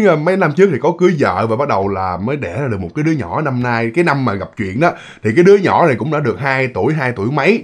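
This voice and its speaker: A man telling a ghost story in a chatty style, talking straight to his listeners. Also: mid-range voice. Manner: chatty, addresses listeners directly, lively. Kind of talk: casual spoken storytelling.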